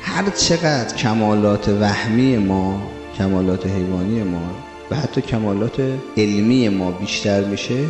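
A man preaching a religious sermon, emphatic and rhetorical, acting out quoted speech. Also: deep voice.

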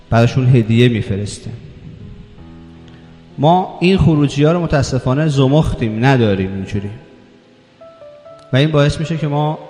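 A man's voice: mid-range voice, darkish tone. A man delivering a religious sermon, reciting Arabic scripture and asking his listeners rhetorical questions. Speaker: preacher. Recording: echoey hall with faint music.

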